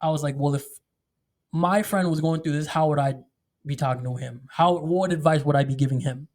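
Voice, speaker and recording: A man's voice: a little high, fairly quick, darkish tone. A man talking as a podcast guest, telling his story in a candid, casual way with many fillers and restarts. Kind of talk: candid conversational interview.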